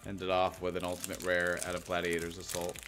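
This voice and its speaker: A young man with a fairly low voice runs a card pack-opening video in rambling, jokey commentary. He mutters and grumbles at bad packs, then gets loud and excited at a big pull. Faint music plays underneath. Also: a little fast. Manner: rambling, jokey, talks to himself and the cards.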